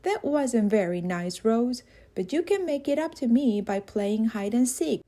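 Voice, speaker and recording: A woman's voice: a little high, expressive, a little slow, warm tone, voice pushed up. A woman voicing a playful, bossy young girl in a storybook reading, whiny and pleading.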